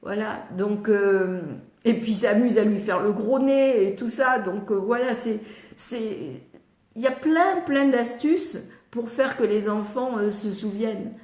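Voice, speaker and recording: An older woman with a French accent, a speech therapist answering live questions, patiently sounding out letters and syllables and pausing often to read viewers' questions. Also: fairly high pitch, darkish tone, roomy sound. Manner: reads viewers' questions aloud, frequent hesitations. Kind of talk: live Q&A teaching.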